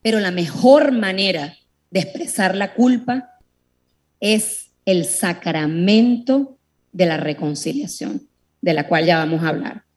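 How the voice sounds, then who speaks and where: Lively woman preacher. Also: fairly low pitch, takes it slowly. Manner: animated, storytelling, addresses listeners directly. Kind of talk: sermon to a live audience.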